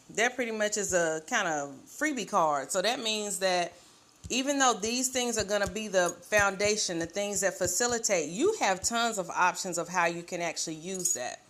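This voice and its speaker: A talkative woman giving a casual tarot card reading on a live stream, speaking directly and encouragingly to one person. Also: mid-range voice. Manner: chatty and talkative; warm, encouraging, addresses listener directly.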